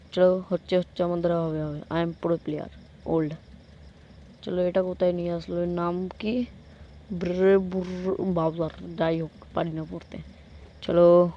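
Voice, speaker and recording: A man giving live gameplay commentary, excitable, urging himself on with quick repeated commands and joking about himself to viewers. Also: high voice, vocal fry, highs cut off, slight background noise. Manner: self-mocking asides to viewers. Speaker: gameplay streamer.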